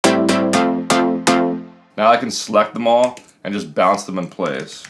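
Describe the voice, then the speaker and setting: A man's voice: on the low side, slow. A man in his thirties talking casually and explaining step by step as a music production tutor, recorded in a small home room.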